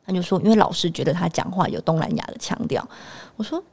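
A woman's voice: fairly low pitch, lively intonation, quick pace, gravelly, darkish tone, slightly rough. A woman telling a story in a casual vlog, chatty and hesitant, full of fillers and restarts. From Taiwan. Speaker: vlogger and mother.

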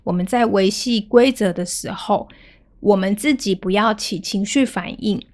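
A woman in her thirties talks calmly on a parenting podcast, her tone gentle and even as she retells a family moment. Her voice sits at a middle height, neither high nor low. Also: normal speed. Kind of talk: storytelling podcast talk.

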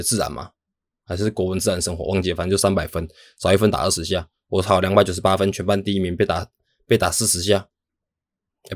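A man's voice: low voice, no room sound, clean studio sound. A young man, telling a rambling, self-mocking story in a casual monologue. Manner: rambling, self-mocking, talks fast with many restarts. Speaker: podcast host.

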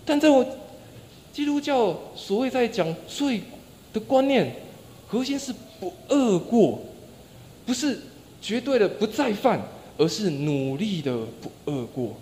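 A man preaches a sermon in a church sanctuary, his fairly high voice carrying a long reverb. He tells stories and acts out quotes, letting his phrases fall soft and low at their ends. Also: big pitch swings, measured pace, a little hiss or hum.

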